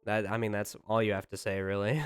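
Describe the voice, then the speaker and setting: Clear-voiced man chatting on a livestream. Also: on the low side, no room sound, studio quality. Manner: rambling, chatty, keeps talking; informal, with swearing. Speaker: livestream host talking to chat. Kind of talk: casual unscripted livestream chat. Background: music.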